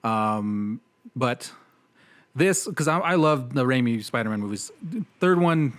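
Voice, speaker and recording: A young man hosts a casual movie review podcast at an easy, relaxed pace. His voice is mid-pitched and ordinary, and his talk is loose and self-deprecating, full of fillers and quick laughs. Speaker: podcast host.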